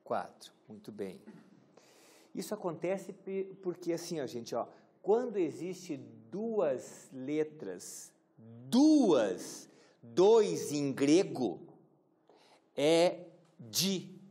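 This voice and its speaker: A man's voice: fairly high pitch, very animated, takes it slowly, a little mellow. Joking male teacher quizzing a class. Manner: casual, joking, asks the class questions. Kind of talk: classroom lecture.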